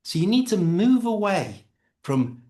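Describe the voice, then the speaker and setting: Speaking in a high, unhurried voice, a man with a Liverpool accent from Liverpool, England, tutors English conversation. His casual explanations are lively and sprinkled with accent impressions.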